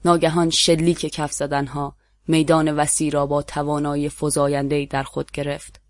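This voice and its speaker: Measured Persian storyteller, dry close sound. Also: mid-range voice, monotone, no echo. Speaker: narrator. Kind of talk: literary story reading.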